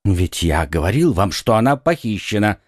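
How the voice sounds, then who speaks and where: A man's voice: big pitch swings, normal speed, dry recording, clean studio sound. A man voicing a frightened, pleading middle-aged shopkeeper in an audiobook reading. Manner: high, anxious, exclaiming pleas.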